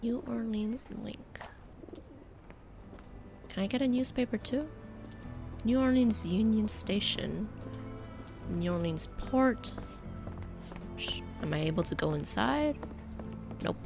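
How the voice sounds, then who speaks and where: A woman's voice: mid-range voice, animated, unhurried, long pauses. A woman giving chatty let's play commentary as a VTuber, reading game text aloud and making playful asides. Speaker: VTuber streamer. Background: faint game music.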